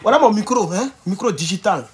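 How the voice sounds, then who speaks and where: A man with an Ivorian French accent, speaking loudly and mockingly in a rambling live stream from his home, talking straight into his phone with no external mic. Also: high voice, animated, fairly quick, a little hiss or hum. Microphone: phone without external mic.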